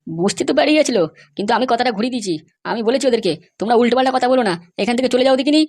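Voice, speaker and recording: A woman with a high-leaning, slightly mellow voice races through her lines as an evasive, scheming male schoolmaster in a comedy cartoon. The character is placating and keeps repeating himself.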